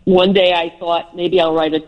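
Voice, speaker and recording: An older woman from the Bronx, New York, chats as a guest on a radio interview in a thick Bronx accent, telling stories laced with self-deprecating jokes. Her voice is on the low side, her delivery flat and moderately paced, and the sound is lo-fi.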